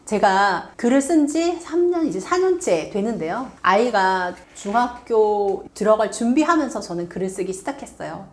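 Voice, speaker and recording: A woman's voice: medium pitch, moderate pace, hardly any pauses, a little hiss or hum. A middle-aged woman, a teacher and author, giving advice to parents and acting out what parents and children say. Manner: lively, acts out parent and child lines.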